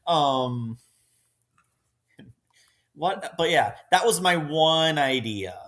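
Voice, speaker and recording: A podcast co-host riffs through casual banter and keeps jumping into quick character voices. The tone is bright and sharp. The pitch swoops a lot. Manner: animated, acts out characters' lines.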